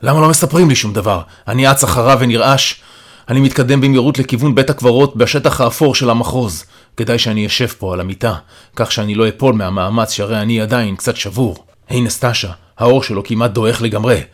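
A man's voice: medium pitch, steady tone. Man reading a first-person story. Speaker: audiobook narrator.

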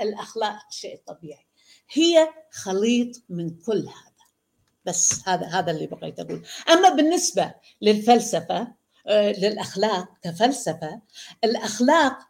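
A woman in a casual online discussion who talks thoughtfully and often pauses to search for words. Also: fairly high pitch, darkish tone. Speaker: discussion participant.

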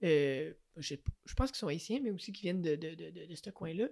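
A young woman with a Québécois accent chatting casually, often restarting and filling pauses. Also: low-pitched, gravelly, darkish tone. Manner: hesitant, many restarts and fillers. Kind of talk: casual chat.

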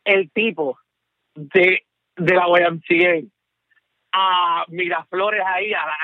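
A Puerto Rican man calling into a show, telling a story in an animated way and repeating "te lo juro" and "¿ok?". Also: sits high, slow, no echo. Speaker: caller. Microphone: phone. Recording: tinny dry phone line.

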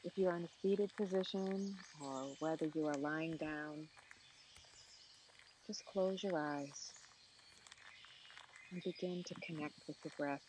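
A soothing guide narrating a meditation in short, slow phrases with long pauses. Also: mid-range voice, darkish tone, low-quality recording. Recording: clear outdoor nature noise, birdsong.

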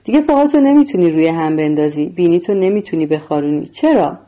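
A woman's voice: on the low side, animated, dull audio, close to an everyday voice. A woman voicing a menacing, coldly sarcastic male gangster boss in a story reading. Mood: taunting.

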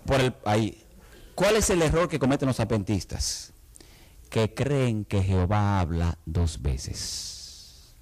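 A male pastor, preaching a humorous, animated sermon in church and throwing rhetorical questions at the congregation. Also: on the low side, slow.

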